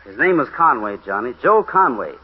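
On a dull, lo-fi old radio recording, a man hosts and narrates a 1950s radio western as its singing cowboy narrator, easygoing and folksy. His husky, medium-pitched voice swings widely in pitch at a moderate pace.

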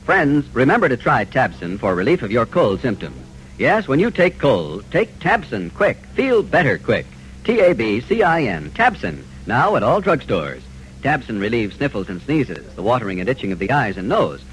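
A male announcer delivers a chipper 1950s radio ad with widely swooping, animated pitch. His delivery is emphatic, on an old broadcast recording with music. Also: normal speed, rough recording.

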